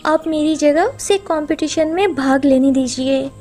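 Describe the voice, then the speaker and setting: A woman's voice: high voice, a little slow, soft background music, pitched above the performer's own voice. A woman voicing a kind young girl bird, a loyal friend, in a cartoon story. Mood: eager. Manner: bright, eager voice.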